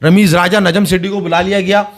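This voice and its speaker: A man hosts a relaxed cricket chat and needles his co-hosts with animated, teasing questions. His voice sits a little higher than most men's. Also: fairly quick. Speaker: podcast host.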